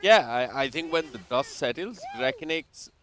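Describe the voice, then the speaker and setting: A man co-casting a live esports match, energetic and analytical. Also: a little high, normal speed. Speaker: esports co-caster. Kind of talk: live game commentary.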